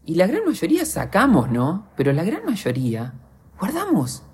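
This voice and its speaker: A man's voice: high voice, wildly swooping pitch, normal speed, husky. A man with an Argentine accent hosting a podcast, speaking in an earnest, confessional reflective monologue straight to his listeners. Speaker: podcast host.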